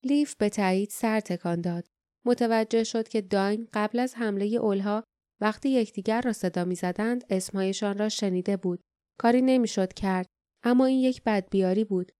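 A woman narrating a fantasy audiobook in a steady, even storytelling manner. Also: mid-range voice, no room sound, clean studio sound.

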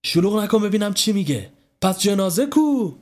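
A man's voice: high-pitched, sing-song, a little mellow, voice pushed up. A short-tempered grown son who snaps in exasperation, played by a male storyteller. His voice sits a little raised, clipped and impatient. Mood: exasperated. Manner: exasperated, snappy.

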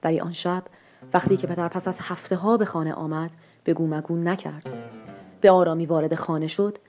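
A woman's voice: fairly low pitch, fairly even intonation, a little mellow, faint music behind. Woman reading a story aloud. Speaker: story reader. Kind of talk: scripted story narration.

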